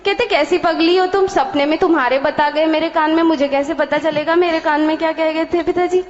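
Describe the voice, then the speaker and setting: High-voiced woman telling a story in an echoing hall. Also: fairly quick, noisy background. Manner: animated storytelling with many quoted exchanges. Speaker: devotee sharing a testimony. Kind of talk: personal testimony told to a spiritual leader. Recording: dull, echoey hall sound.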